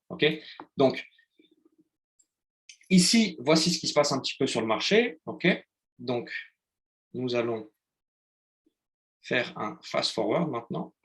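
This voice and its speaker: A man's voice: medium pitch, lively intonation, unhurried, long pauses. A man teaching a live online trading lesson in a chatty way, often checking in with his listeners and using playful sound words. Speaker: trading instructor.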